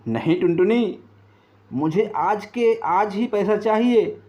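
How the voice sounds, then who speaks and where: Guy doing a pushy greedy crow in a cartoon, slow and stern. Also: high-pitched, lively intonation, dark tone, pitched above the performer's own voice. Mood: threatening. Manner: stern, demanding. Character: greedy male crow moneylender, harsh. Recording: dull lo-fi.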